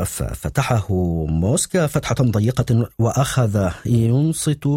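A man narrating a novel in a steady storytelling manner for an audiobook. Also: medium pitch, slightly rough, no room sound, clean studio sound. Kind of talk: scripted narration.

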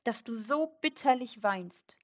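A woman voicing an insistent, wheedling male frog in a fairy tale, reading at a slow pace with her voice lifted. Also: fairly high pitch, expressive, fairly bright tone. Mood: coaxing. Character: pleading pushy male frog by a well. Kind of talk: storybook reading.

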